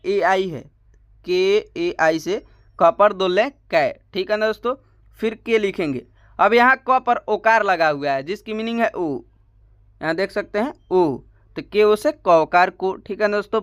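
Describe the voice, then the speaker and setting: A man teaching a step-by-step spoken lesson, slow and repetitive, often asking a question and then answering it himself. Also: high-pitched, a bit bright, no room sound, highs cut off.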